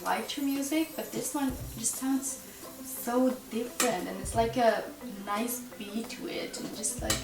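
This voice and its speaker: This 21-year-old Dutch woman, whose first language is Dutch and who has a Dutch accent, rambles to camera while answering a YouTube tag, giggling often and filling with likes and ums. Her fairly high voice is unhurried with vocal fry. The camera mic sits at a distance, giving a roomy, distant sound with music behind.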